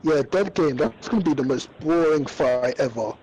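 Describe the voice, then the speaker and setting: A man's voice: fairly high pitch, animated, moderate pace, a little mellow. Man sounding muffled through a wall. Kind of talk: casual sports talk. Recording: muffled, distant, dull-sounding line.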